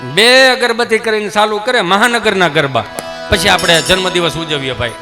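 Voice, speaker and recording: A man's voice: sits high, normal speed, music in the background. A man performing a live stand-up comedy routine, chatty and acting out little dialogues.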